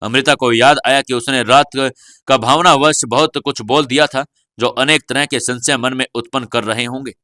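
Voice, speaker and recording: Man reading an audio novel, steady storytelling, bright voice, super dry close sound. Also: medium pitch, moderate pace, dry recording. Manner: steady storytelling, voicing every character. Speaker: narrator. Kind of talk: scripted audio-novel narration.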